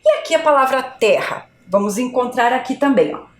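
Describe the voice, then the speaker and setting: A Brazilian woman teaching a video lesson to young children, with slow, clear, exaggerated pronunciation. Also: fairly high pitch, animated. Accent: Brazilian Portuguese. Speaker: primary school teacher. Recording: echoey room.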